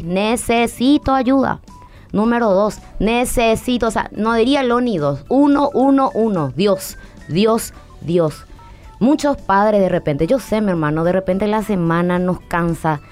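A woman's voice: medium pitch, animated, a little slow, darkish tone, faint music behind. A woman psychologist as a guest on a church-interview. She speaks earnestly and preaches, and she keeps calling the listener her brother. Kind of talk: interview on faith and parenting.

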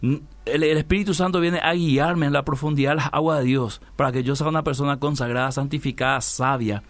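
A man's voice: on the high side, steady tone, fairly quick, dry recording. A man teaching about the Bible in a conversation, posing rhetorical questions and answering them himself, often tagging lines with a questioning "right?". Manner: often tags phrases with "¿verdad?" and addresses the interviewer by name. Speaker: preacher guest on a religious talk program.

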